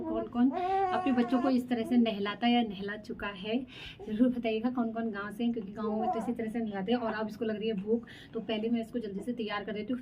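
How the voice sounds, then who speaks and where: A woman's voice: on the high side, muffled recording. A woman and mother giving a chatty, instructive how-to while bathing a baby at home, talking to viewers as friends. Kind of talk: casual how-to demonstration. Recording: loud background noise and baby crying. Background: a crying baby.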